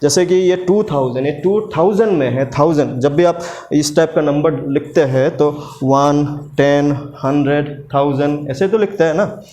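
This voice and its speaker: Patient male maths tutor, slightly high voice. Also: normal speed, warm tone. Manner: asks questions and answers them himself, repeating steps; mixes English maths terms into Hindi. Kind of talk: explaining a maths lesson.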